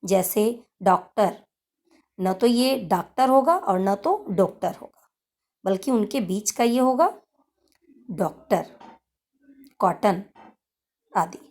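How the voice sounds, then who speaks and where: A woman teacher explaining a grammar lesson to children, repeating key points in a deliberate way. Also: fairly high pitch, animated, a little mellow. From India. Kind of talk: slow classroom lesson explanation.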